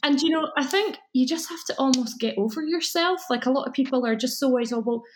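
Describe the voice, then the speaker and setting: A woman's voice: sits high, fast talker, a little hiss or hum. A woman with a broad Scottish accent chatting casually as a podcast guest, giving encouraging, emphatic advice. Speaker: guest, cake business coach.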